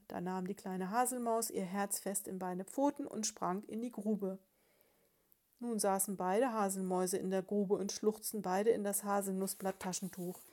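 Woman reading a kids story, warm mellow voice, calm and even. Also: medium pitch. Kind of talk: scripted storybook narration.

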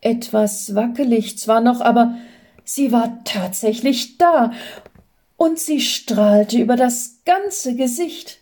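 A woman reading a Christmas story aloud in a calm, gentle way. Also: fairly high pitch, takes it slowly.

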